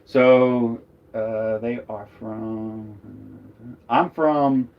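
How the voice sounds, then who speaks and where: A man's voice: mid-range voice, steady tone, drawn-out words. A man with a Philadelphia accent talks in a loose, rambling way, tossing in jokes as he chats on a livestream. He sits inside an RV, and the audio comes through a little muffled. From Northeast Philadelphia. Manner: rambling, chatty, joking. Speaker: RV vlogger, co-host. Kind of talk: casual live chat.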